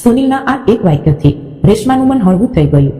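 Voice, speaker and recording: A woman narrating a scripted family story in a calm, steady way. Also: a little high, fairly quick, long reverb tail, low-quality recording.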